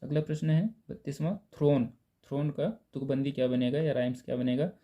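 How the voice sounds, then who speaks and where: A man teaching a lesson, going over exam answers and slowly spelling out words letter by letter while speaking directly to the viewers. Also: medium pitch, fairly even intonation, warm tone. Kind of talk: casual Hindi lesson explaining answers. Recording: dull lo-fi recording.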